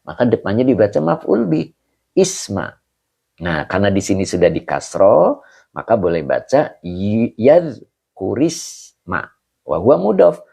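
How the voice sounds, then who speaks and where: A man's voice: on the low side, wildly swooping pitch, normal speed, vocal fry, warm tone, slightly rough. A man teaching an online Arabic grammar lesson as a religious teacher, patiently explaining and answering students by name over a video call.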